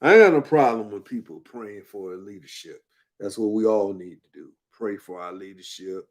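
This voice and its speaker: At a normal speed and in a lowish voice, a man offers loose, colloquial commentary, hammering points home through repetition. His speech drops verbs and leans on double negatives.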